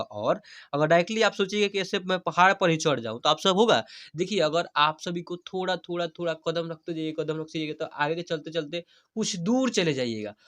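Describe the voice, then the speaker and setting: Bright-voiced man teaching Hindi reading. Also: on the high side. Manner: slow drawn-out spelling of each syllable, then the full word said firmly; coaxing, checks in with "theek hai?". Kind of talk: spoken lesson, spelling words syllable by syllable.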